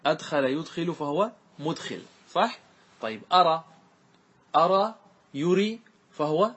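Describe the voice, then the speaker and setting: A man's voice: a little high, expressive, unhurried, fairly bright tone, husky. A man teaching a grammar lesson, asking questions and often checking that his students follow.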